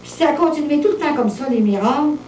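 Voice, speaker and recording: A woman's voice: high-pitched, animated, fast, dark tone, a little hiss or hum. A Québécois woman in her fifties, giving a plain-spoken personal testimony full of little fillers. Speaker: testimony speaker. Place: monastery room with visitors. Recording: roomy echo, distant mic, faint ambience.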